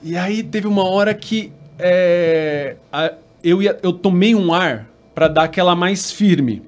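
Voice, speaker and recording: Brazilian male host, slightly higher voice, relaxed storytelling chat. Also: takes it slowly. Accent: Brazilian Portuguese. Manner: storytelling, thoughtful, many restarts. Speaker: podcast host. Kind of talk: casual chat.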